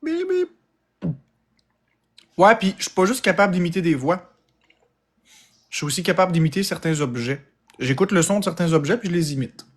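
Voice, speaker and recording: A man with a Québécois accent chatting casually on a live stream, quick and playful. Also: on the high side, husky.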